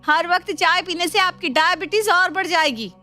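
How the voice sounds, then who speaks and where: A woman's voice: very high voice, normal speed, sharp tone, faint music behind, voice pushed up. A woman voicing a young daughter-in-law who answers back firmly and argues, in a cartoon story. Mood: argumentative. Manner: firm, argumentative.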